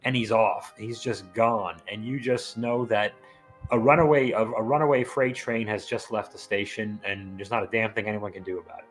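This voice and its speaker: A man's voice: lowish voice, fairly even intonation, moderate pace, faint music behind, rough recording. Enthusiastic man breaking down wrestling clips. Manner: enthusiastic, appreciative. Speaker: wrestling show co-host. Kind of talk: casual analytical chat.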